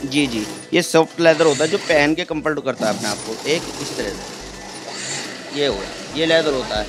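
A man's voice: on the high side, moderate pace, over music. A man in his thirties, a workshop owner, plainly explaining his work into an interviewer's handheld mic in a courtyard, with repeated polite yes-words. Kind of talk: casual explanation. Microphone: handheld mic held by interviewer.

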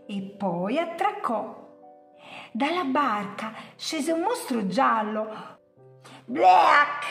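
A woman teacher reading a storybook aloud to children, slow and expressive. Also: fairly high pitch, creaky, reverberant.

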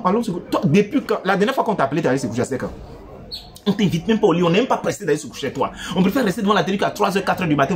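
A man giving relationship advice in a playful, teasing monologue that swings between loud outbursts and low asides, speaking straight to his listeners.

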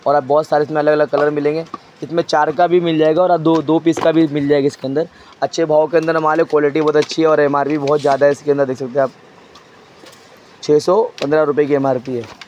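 A man showing stock in a crowded wholesale storeroom, briskly listing items and prices and telling a helper what to hold up. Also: a little high, little pitch movement, darkish tone, lo-fi sound, slight background noise. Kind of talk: walk-through product showcase.

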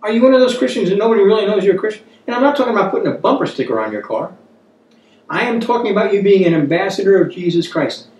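A man in his fifties delivers an indoor Bible study like a sermon from a wooden table in a small room, urging earnestly and repeating phrases to stress them. His high, slightly mellow voice has lively intonation and comes rapid-fire, recorded in an echoey room on a distant mic.

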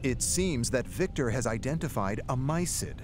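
A man's voice: mid-range voice, lively intonation, normal speed. Man narrating a nature documentary over music.

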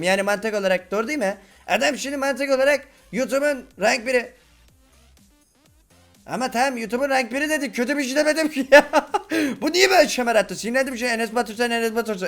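Brief: male gaming YouTuber, very high voice with a gravelly edge, excitable play-by-play. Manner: excitable, loud exclamations, chatty with viewers. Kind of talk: Minecraft gameplay commentary.

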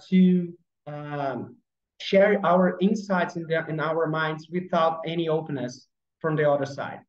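Man from Brazil, online talk, halting with fillers, roomy echo, dull webcam sound. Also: fairly high pitch. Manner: halting, many fillers and restarts. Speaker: conference speaker. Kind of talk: online presentation. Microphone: video call webcam. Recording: roomy, slightly dull video call audio.

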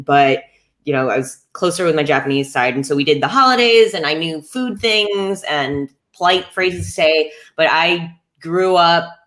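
On a webcam video call from a home room with a gaming chair, an American woman in her thirties, a voice actor on a panel, reflects at length in thoughtful, casual chat, with plenty of "you know" and "um." Her voice is low and a bit bright.

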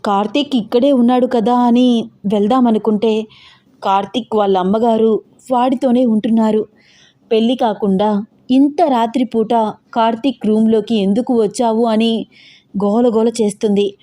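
A woman voicing an emotional, fiery young bride who fires off rapid, agitated questions. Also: on the high side, steady tone, warm tone, lightly acted. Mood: insistent.

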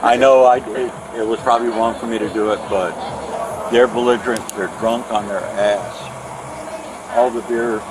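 A man telling police about a noise dispute, talking haltingly with many restarts, recorded outdoors on a bodycam. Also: fairly low pitch, steady tone. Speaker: neighbor complaining about noise. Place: outdoors at night by a trailer lot. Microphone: officer's bodycam. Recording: noisy outdoor bodycam audio.

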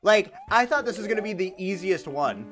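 A man's voice: high-pitched, lively intonation, brisk. Laughing, exasperated male streamer over game music. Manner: laughing, exasperated, joking with chat. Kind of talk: casual live-stream chat while gaming. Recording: game music playing under the voice. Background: loud video game music.

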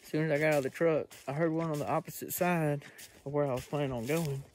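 A man's voice: a little high, fairly even intonation, quick pace, darkish tone, a little hiss or hum. A man talking casually to his own camera outdoors, rambling with many fillers and restarts as he explains things. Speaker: hunting vlogger. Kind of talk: casual self-filmed vlog talk. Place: outdoors on rural land. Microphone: self-filmed camera.

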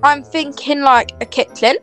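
A woman's voice: high voice, fairly even intonation, normal speed, a bit bright. A woman playing a bossy, snobby young woman. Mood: haughty. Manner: bossy, dismissive, self-satisfied. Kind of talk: game role-play voice acting. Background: faint music.

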